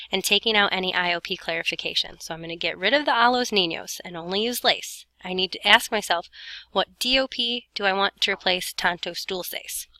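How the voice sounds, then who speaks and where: Female teacher for a recorded lesson: bright, dry sound, informal and self-correcting, audibly short of breath with heavy breathing. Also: medium pitch, no room sound, low-quality recording. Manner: breathing heavily while talking; informal, talks students through each step, self-correcting. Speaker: Spanish teacher recording an explanation for students. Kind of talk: step-by-step grammar lesson narration.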